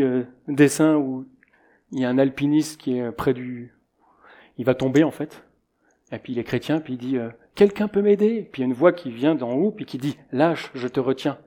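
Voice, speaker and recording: A man's voice: mid-range voice, dark tone. A middle-aged man preaching a sermon in a conversational way, illustrating his points with anecdotes.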